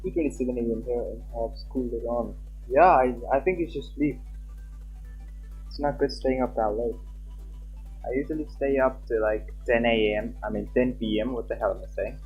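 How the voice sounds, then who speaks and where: Live-streaming a game, a young man talks at an ordinary pace in a medium-pitched voice, chatting loosely and reading out on-screen text. Game music plays behind him, captured by a dull, lo-fi microphone.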